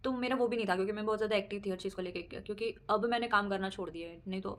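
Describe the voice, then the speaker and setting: Fast-talking chatty woman vlogger. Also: medium pitch, a bit bright. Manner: chatty, laughs often, mixes English words. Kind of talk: casual personal chat to camera.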